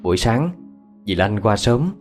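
Low, expressive male storyteller. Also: unhurried, soft background music. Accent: Southern Vietnamese. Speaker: narrator. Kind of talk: ghost story narration.

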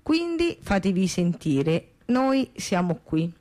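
Brief: woman radio host, unhurried on-air announcer, lowish voice, careful and measured. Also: sing-song, mellow. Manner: measured, repeating numbers carefully. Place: radio studio.

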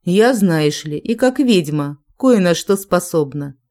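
A reader voicing a wary grown woman who is a witch, in a plain, measured audiobook reading. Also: lowish voice, lively intonation, darkish tone.

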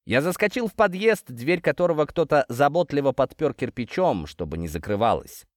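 A man narrating a first-person fantasy audiobook in an expressive storytelling manner. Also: on the high side, fairly quick, no echo, studio quality.

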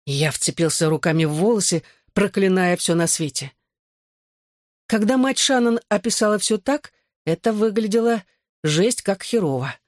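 An audiobook reader giving wry first-person narration in an even manner. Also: mid-range voice, moderate pace, no room sound, clean studio sound.

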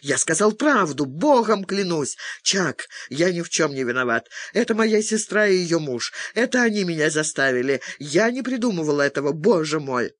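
A man voicing a terrified captive man who cries and begs for his life in a shrill, tearful voice. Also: very animated, normal speed, hardly any pauses, a bit bright, no echo. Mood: sobbing pleading. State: crying.

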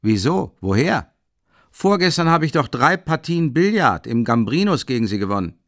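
A man's voice: medium pitch, very animated, moderate pace, a bit bright, no room sound, studio quality, voice pushed up. A man voicing an impatient, exasperated visitor who grumbles and curses in an audiobook. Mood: indignant.

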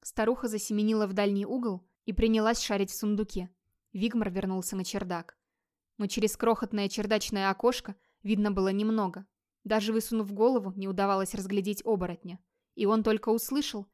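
A woman narrating a fantasy audiobook, steady and measured, building tension as she reads. Her voice sits at an ordinary middle pitch.

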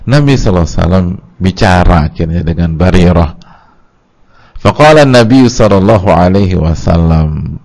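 A man with an Indonesian accent preaching at a religious study lecture, telling a story with lively, acted-out quoted voices. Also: sits low, normal speed. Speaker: Islamic preacher.

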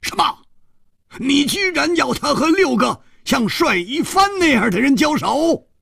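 A man's voice: wildly swooping pitch, a little fast, vocal fry, slightly rough, no room sound, studio quality, heavily acted. A male storyteller voicing a brash, impulsive young swordsman who stammers and blurts in agitation, in a traditional storytelling performance. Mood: alarmed. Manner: high, agitated, stammering outbursts.

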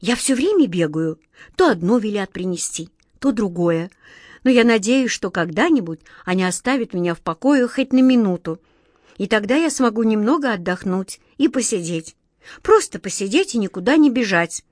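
A woman's voice: mid-range voice, lively intonation, normal speed, darkish tone, no room sound, clean studio sound, close to an everyday voice. A woman playing a chatty, tired little page boy. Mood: wistful. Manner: chatty, wistful, eager.

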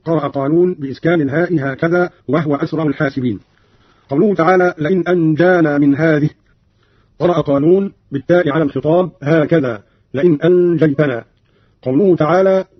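A man's voice: fairly high pitch, slightly rough, no echo. A man explaining Quran recitation variants in a formal, instructional radio style from an archival broadcast. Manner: precise, instructional, quoting verses briskly. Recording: dull, dry archival radio recording.

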